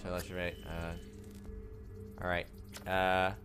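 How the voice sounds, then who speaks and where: A man's voice: sits low, monotone, slow, a bit bright, faint music behind. A young adult man giving casual let's-play commentary, chatty and wry, muttering to himself. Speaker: gaming YouTuber.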